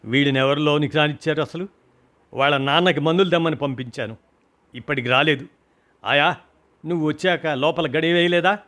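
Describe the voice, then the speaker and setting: A man reading the lines of a stern woman hospital doctor who scolds fast and sharply. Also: a little high, fairly bright tone, lightly acted. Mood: scolding.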